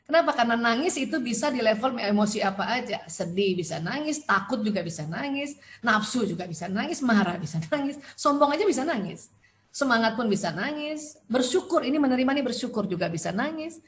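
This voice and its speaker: A middle-aged woman doctor giving a lecture, animated and asking and answering her own questions. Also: a little high, a little fast, slight background noise.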